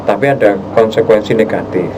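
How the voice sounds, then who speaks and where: A man with a very deep, heavy bass voice explaining conversationally as a radio talk guest, often checking that the listener follows. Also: a little fast. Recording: distant mic, humming room noise.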